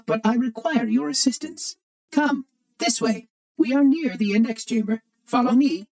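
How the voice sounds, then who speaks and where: In video game character acting, a man voices a prim, fussy, ancient robot monitor, speaking formally, precisely, and oddly cheerfully with light robotic processing. His very high voice is heavily acted, polite and brisk, recorded without echo but far from the mic.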